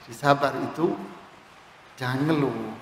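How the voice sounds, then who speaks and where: A man preaching to a congregation, telling stories and acting out both sides of short conversations. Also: medium pitch. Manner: lively storytelling, acts out dialogue, slow and emphatic. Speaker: Islamic preacher. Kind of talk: sermon. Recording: echoey hall with faint noise.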